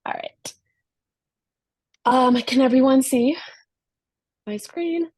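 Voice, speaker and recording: A woman's voice: high-pitched, slow, a little mellow, no room sound. A woman, a project manager, presenting a program over a video call in an easygoing way with many fillers.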